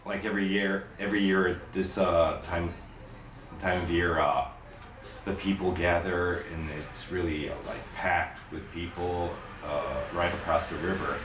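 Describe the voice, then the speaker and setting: Low-voiced man vlogging by a busy street. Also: level tone, unhurried. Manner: hesitant, many filler uhs. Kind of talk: casual walking vlog and street chat. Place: outdoors by a city river. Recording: loud street and traffic noise outdoors.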